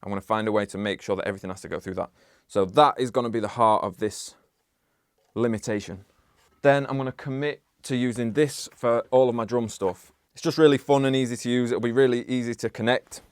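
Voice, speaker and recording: A man's voice: medium pitch, fairly quick, smooth, no echo. A young man who makes music, talking casually about his process in his home studio, rambling with lots of "like". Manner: relaxed, rambling, many "like" fillers. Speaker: music producer. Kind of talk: casual studio vlog talk.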